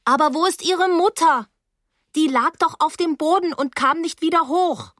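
A woman voicing a panicked young woman who pleads in a high, urgent, shrill voice. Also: normal speed, fairly bright tone, dry recording, clean studio sound.

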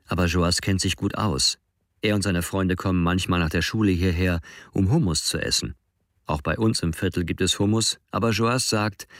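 A man narrating a first-person story in a measured audiobook reading. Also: low voice, fairly bright tone, no room sound, clean studio sound.

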